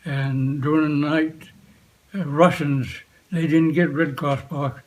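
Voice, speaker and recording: Very slow, halting elderly veteran man remembering. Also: fairly high pitch, flat delivery, a little mellow, low-quality recording. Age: 80s or older. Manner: old veteran remembering, halting short phrases with long pauses. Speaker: war veteran being interviewed. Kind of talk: unscripted reminiscence, recalling the past.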